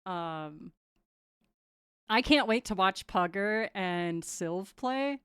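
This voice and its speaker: A woman's voice: mid-range voice, lively intonation, a bit bright, smooth, no room sound, studio quality. Bubbly young woman streamer, giggly. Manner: bubbly and giggly, with quick restarts. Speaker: streamer playing a tabletop game. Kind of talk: casual chat.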